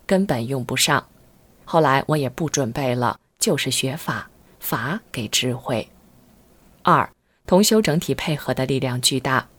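A middle-aged woman reads her first-person account aloud in a low, deep voice. She tells it earnestly and keeps a steady pace.

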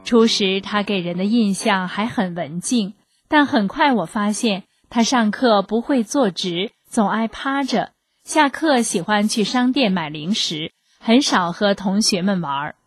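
A woman reading a scripted radio narration in a measured, even way. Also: mid-range voice, husky, no room sound.

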